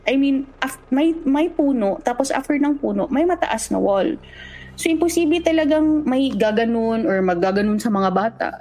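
A woman's voice: high-pitched, moderate pace, poor audio. A young woman from the Philippines telling a true horror story in a casual way, acting out what the children said. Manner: animated, acts out what the children said. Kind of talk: casual storytelling, mixing Tagalog and English.

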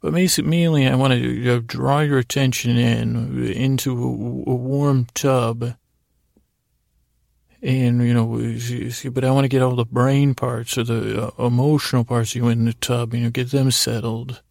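In a dry recording, a middle-aged sleep podcast host with a gravelly, creaky, mid-range voice delivers a silly, halting bedtime monologue close on the mic. There's little pitch movement and a darkish tone as he rambles through absurd asides, repeats, and trails off mid-thought.

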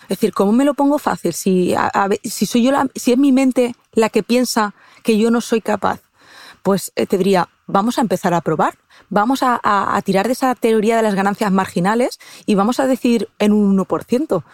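A woman with a Spanish accent from Castilla-La Mancha, speaking as an interview guest. She explains at mid pitch, patient and methodical, with frequent hesitations and self-corrections. The recording is close and dry. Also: a little fast, darkish tone, no room sound. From Castilla-La Mancha, Spain. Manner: explanatory, frequent "eh" fillers and restarts, addresses host directly. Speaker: guest expert on habits. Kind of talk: conversational interview.

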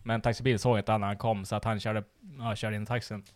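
A young man telling a funny story in casual chat, laughing often and mimicking people in squealing high voices. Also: flat delivery, no room sound.

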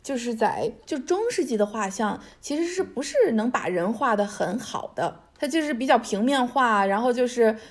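Woman, higher voice, author guest on an interview; casual storyteller, chatty and colloquial. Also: expressive, normal speed, few pauses. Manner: chatty, colloquial, often seeking agreement with tag questions. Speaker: author guest discussing their history book.

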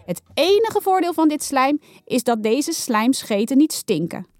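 A woman's voice: high-pitched, big pitch swings, a little slow, a little mellow, no room sound, clean studio sound, soft background music, voice pushed up. A woman voicing a firm, weary mother who speaks sternly but patiently.

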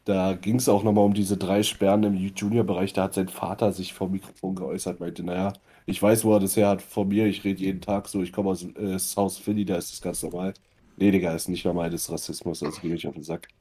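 Male co-host, low mellow voice, blunt and outspoken, casual podcast talk. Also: flat delivery, quick pace, husky. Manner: blunt, opinionated, swears freely.

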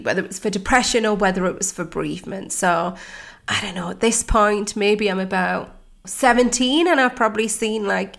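Candid gravelly-voiced woman. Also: mid-range voice. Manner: candid, reflective, many fillers and restarts. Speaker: life coach, podcast host. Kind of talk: personal storytelling podcast.

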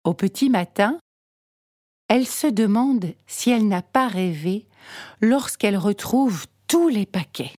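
A woman narrating a children's storybook at a slow, unhurried pace. Her reading is calm and measured. The voice is close and dry. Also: mid-range voice, no room sound. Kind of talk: storybook read-aloud narration.

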